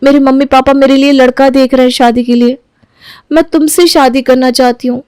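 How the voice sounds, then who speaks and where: A woman voicing an anxious young woman who pleads with her boyfriend, in an animated drama. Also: sits high, a little fast, clean tone, no room sound, clean studio sound, voice pushed up, lightly acted.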